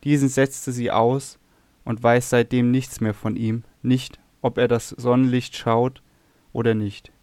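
A man's voice: medium pitch, flat delivery, measured pace, darkish tone, no echo, lightly acted. A man voicing a troubled noble queen, speaking sadly and guardedly. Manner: sad, guarded.

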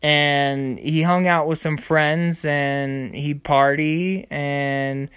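A man's voice: a little high, level tone, drawn-out words, fairly bright tone, clear, resonant tone, no room sound, studio quality. A young man telling his own story in a casual, blunt monologue. He swears freely and rants about family frustrations. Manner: profane, blunt and ranting, mimics his parents in raised voices.

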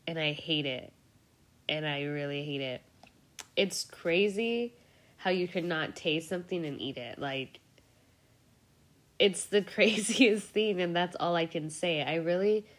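A young woman hosting a casual solo podcast, sick and rambling, swearing freely and laughing often. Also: low-pitched. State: sick with a cold, congested voice. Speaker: podcast host.

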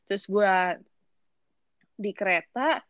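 A young woman, co-hosting a podcast and telling a story in casual, slangy, animated chat. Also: medium pitch, dry recording, lo-fi sound. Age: young adult. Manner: animated, slangy, quick bursts of excitement. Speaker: podcast co-host.

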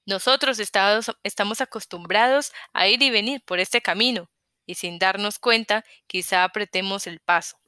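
A woman's voice: medium pitch, moderate pace, pushed and bright, clear, resonant tone, no room sound, clean studio sound, close to an everyday voice. A woman reading the part of a stocky male soldier who speaks in a friendly, apologetic way in an audiobook.

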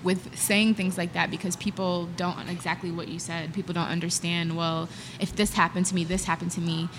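A woman's voice: on the low side, flat delivery, a little fast, background noise. A woman hosting a podcast in a casual, upbeat and emphatic conversational way. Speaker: podcast host, singer.

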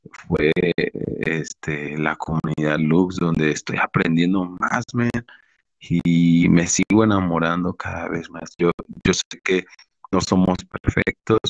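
A young man sharing a heartfelt personal faith testimony in a halting way, with casual slang. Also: deep voice, no room sound, highs cut off.

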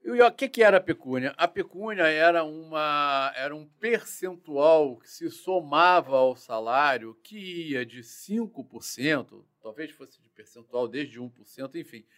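A man, a former police chief telling war stories in a slangy, profane, animated way. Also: a little high, measured pace, few pauses. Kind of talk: casual storytelling interview.

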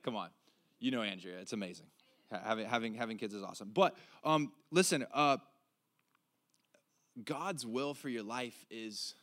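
A man's voice: mid-range voice, a bit bright. A man in his twenties preaching a sermon in a casual, candid way, often restarting and repeating words. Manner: casual, candid, stumbling repetitions. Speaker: pastor.

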